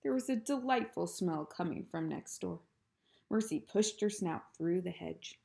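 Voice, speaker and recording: A woman reading a children's book aloud in a calm, even storytelling manner. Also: lowish voice, a little slow, gravelly. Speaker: reader.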